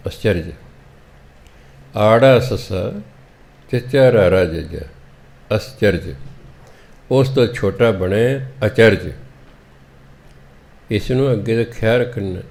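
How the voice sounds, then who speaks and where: A man preaching on scripture, going verse by verse and spelling out words letter by letter in a deliberate, instructive way. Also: fairly low pitch. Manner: deliberate, instructive tone with gentle appeals to listeners. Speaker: Sikh preacher explaining scripture. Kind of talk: slow scripture exposition.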